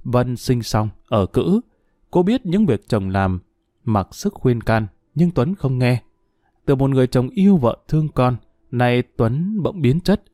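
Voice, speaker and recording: A man narrating a story in a measured storytelling manner. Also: medium pitch, sing-song, warm tone, no room sound, clean studio sound. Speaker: audiobook narrator. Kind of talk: scripted narration.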